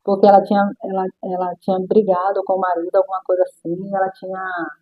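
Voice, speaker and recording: A middle-aged woman with a Brazilian accent tells her personal testimony in an interview, with a voice of ordinary pitch. She is an animated storyteller who acts out what others said. She sinks to a hushed murmur when the story turns grave. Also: quick pace, slightly rough, phone-quality sound. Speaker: guest sharing her testimony.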